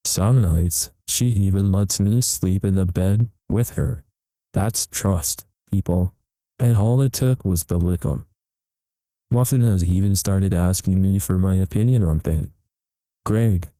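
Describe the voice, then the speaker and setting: A man's voice: sits low, dark tone, dry recording, low-quality recording. A man playing an earnest, overexcited cat owner, giving a melodramatic parody infomercial testimonial with reverent sincerity. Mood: devoted, grateful.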